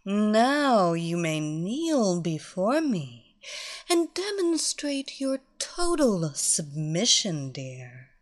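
A woman voicing a commanding blonde female hypnotist who gives slow, purring, drawn-out orders. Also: medium pitch, sing-song.

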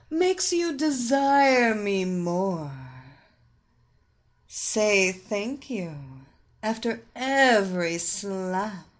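A woman voicing a teasing, domineering female hypnotist who gives slow, soft commands. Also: fairly high pitch, full character voice.

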